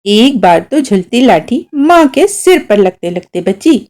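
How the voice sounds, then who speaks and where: A woman reading a short story aloud as narrator, with expressive storytelling. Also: a little high, measured pace.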